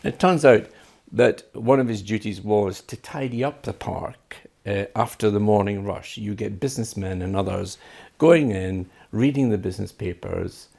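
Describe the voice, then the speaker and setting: A man from Scotland telling an anecdote as a guest, animated and building to the punchline. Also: on the low side, moderate pace, vocal fry. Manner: lively, animated storyteller. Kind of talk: anecdote in conversation.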